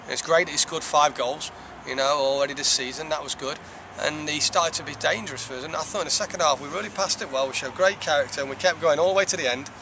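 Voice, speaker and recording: Fast-talking coach outdoors by traffic. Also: male voice, fairly high pitch. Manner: measured, reflective, frequent "you know". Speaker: head soccer coach. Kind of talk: postgame interview. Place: outdoors by a stone wall.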